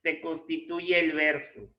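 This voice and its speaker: A man teaching a literature class, reading his notes slowly in short phrases as if dictating to students. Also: fairly high pitch, little pitch movement. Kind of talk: slow dictated lecture. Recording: echoey room, dull lo-fi sound.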